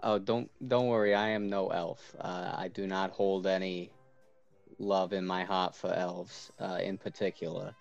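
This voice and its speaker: A man playing a tabletop game, speaking in character and explaining himself earnestly with pauses and restarts. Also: deep voice, level tone, creaky, lo-fi sound, soft background music. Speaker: player. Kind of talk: in-character tabletop role-play.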